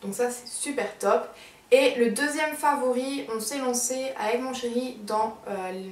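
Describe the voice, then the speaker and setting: A woman vlogger with a somewhat high voice talks through her favorite beauty products in a chatty, eager way, often stopping on fillers. She sits back from the camera in a room at home, so her voice sounds distant and roomy. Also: unhurried, a little hiss or hum. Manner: chatty and enthusiastic, hesitant with fillers. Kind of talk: casual monthly favorites review.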